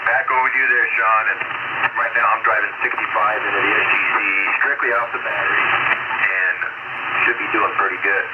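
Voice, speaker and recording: Over a very noisy, muffled shortwave signal buried in loud static, a male ham radio operator chats casually. His lowish, steady voice rambles and halts, often cutting himself off mid-thought.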